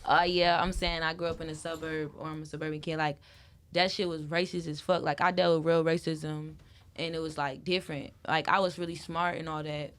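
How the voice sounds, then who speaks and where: A woman's voice: sits low, fairly quick. A young woman from Wisconsin, a guest in a casual interview, talking loosely with lots of "like" and frequent laughter. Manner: loose and animated, heavy use of "like", laughs often.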